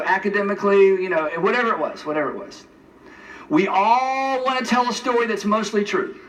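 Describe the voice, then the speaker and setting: Bright-voiced guy preaching, playful, acts out the characters, a bit far from the mic. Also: sits high, slight background noise. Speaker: pastor. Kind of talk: sermon.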